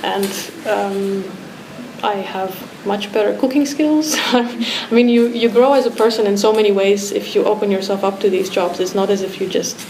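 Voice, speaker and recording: Speaking as an artist guest in a talk discussion at an art academy pavilion, a woman from Romania reflects aloud, often restarting and using fillers. Her voice is medium-pitched and a little mellow, at a moderate pace, in an echoey room with background noise.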